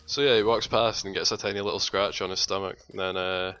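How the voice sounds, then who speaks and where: A man's voice: sits low, steady tone, fast, a bit bright, clear, resonant tone, dull audio, soft background music. A Scottish man chatting casually over a game, teasing his friend in a dry, sweary way. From Scotland. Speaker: gaming channel co-host. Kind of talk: casual gaming chat.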